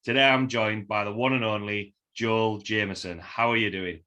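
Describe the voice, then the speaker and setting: A man with a broad Yorkshire accent hosting a casual podcast interview in a halting way, often repeating words. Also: on the low side, steady tone, pushed and bright. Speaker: podcast host.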